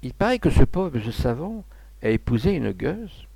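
A man's voice: mid-range voice, big pitch swings, moderate pace, gravelly, dark tone, husky, dry recording, heavily acted. A man voicing a prim, disdainful bourgeois wife in a storybook reading, in a voice close to his own. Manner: haughty and scornful.

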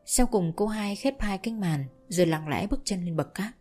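A woman narrating a spoken story in a steady, measured way. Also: mid-range voice, soft background music. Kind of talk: audiobook storytelling.

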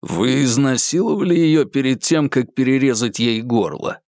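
A cold, quiet male enforcer, unhurried and flat, every word low and even, as a male reader gives him voice. The sound is close and dry. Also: dry recording, close to an everyday voice. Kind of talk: audiobook character voice.

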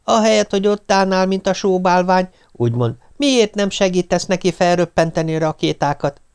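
A fussing, anxious mother scolds in a raised, pinched voice, as a man puts her on. Her tone is worried and reproachful. The pitch sits well above the narrator's own. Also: expressive, darkish tone, clear, resonant tone. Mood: fretful.

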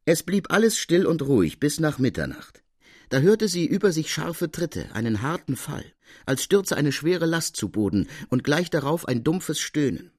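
A man reading a classic literary tale aloud in a measured, expressive storytelling voice. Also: a little high, slightly rough, no room sound, clean studio sound. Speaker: reader.

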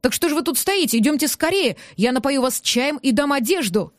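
A woman's voice: high-pitched, animated, a little fast, dry recording, clean studio sound. A woman voicing an outspoken middle-aged coffee-house owner who scolds the crowd indignantly in a raised voice.

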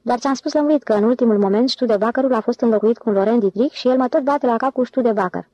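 Brief: a woman doing a bossy male swindler chief in an audiobook, commanding and quick to anger, mellow higher voice, dry sound. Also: dry recording, lightly acted, rough recording. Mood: furious. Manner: commanding, irritable. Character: scheming smooth-talking male con man leader.

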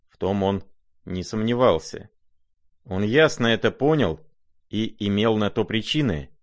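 Low-voiced male audiobook narrator. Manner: measured, expressive. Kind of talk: scripted narration of a classic novel.

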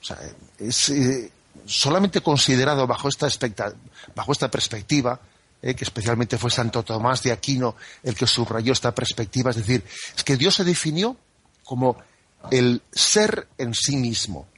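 Husky Spanish priest teaching on radio. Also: male voice, mid-range voice, a bit bright. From Spain. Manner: unhurried and conversational, full of "¿eh?" and "¿no?" tags. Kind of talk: radio catechism talk. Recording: dry studio radio broadcast.

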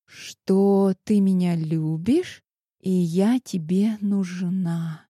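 A hurt but composed wife, read by a woman narrator, speaking in a cool, strict tone. Her voice is mellow and unhurried. It is recorded dry and close for an audiobook. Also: fairly low pitch, dry recording. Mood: wry. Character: stern, hurt wife holding back tears. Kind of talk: audiobook character voice.

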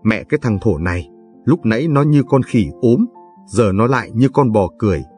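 A man's voice: fairly low pitch, animated, moderate pace, darkish tone, soft background music, close to an everyday voice. A man voicing a crude, boastful mountain warlord who brags in a coarse, blustering way.

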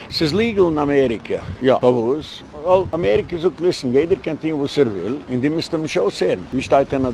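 A man lectures as a rabbi in a forceful, emphatic way, dropping English words into his talk. His mid-pitched voice has a gravelly edge. A faint hiss of background noise sits under the recording. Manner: emphatic, mixes English words into Yiddish-style speech. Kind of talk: impassioned spoken lecture.

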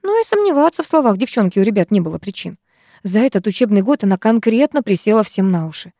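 A woman narrating a first-person audiobook in an even, measured reading. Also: mid-range voice, dry recording, clean studio sound.

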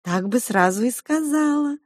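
A woman voicing a brash, teasing vampire man in a storybook reading, loud and drawn out. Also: fairly high pitch, animated, moderate pace, dry recording, studio quality, pitched above the performer's own voice.

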